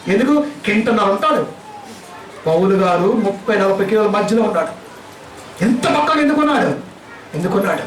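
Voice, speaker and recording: A man's voice: high-pitched, expressive, normal speed, long pauses, reverberant, far from the mic, low-quality recording. A male pastor with a Telugu accent preaching a sermon, scolding his listeners with a string of rhetorical questions.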